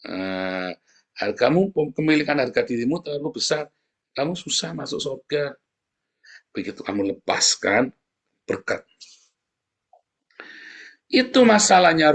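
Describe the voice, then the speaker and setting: A man preaching a sermon, animated and personal, often addressing listeners directly and acting out short quotes. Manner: animated, wide pitch swings, addresses listeners as "saudara"; acts out voices in short quotes. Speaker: pastor.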